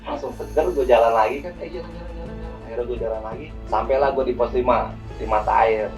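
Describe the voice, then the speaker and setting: A man's voice: mid-range voice, fast. A young man casually telling a hiking story as a guest, rambling and repeating words, often calling the listener "Bang". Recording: distant mic with music behind.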